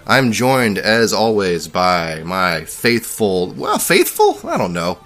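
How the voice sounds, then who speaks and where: A man hosting a casual podcast, chatty and quick to laugh at himself. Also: sits low, a bit bright, faint music behind. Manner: chatty, laughing, self-deprecating. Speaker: podcast host.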